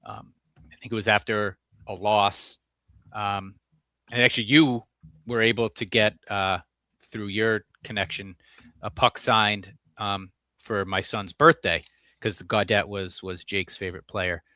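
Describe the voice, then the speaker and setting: A man co-hosting a sports podcast, chatting casually in an upbeat way with quick agreeing interjections. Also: on the low side, fairly even intonation, bright, forceful tone, dry recording. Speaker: podcast co-host.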